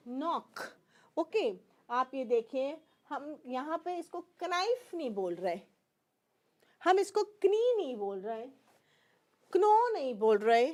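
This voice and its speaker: A woman's voice: sits high, darkish tone. A middle-aged woman with an Indian English accent teaching pronunciation, mixing Hindi and English, patiently repeating words and checking that students follow. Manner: explains patiently, repeats each word and asks "fine?".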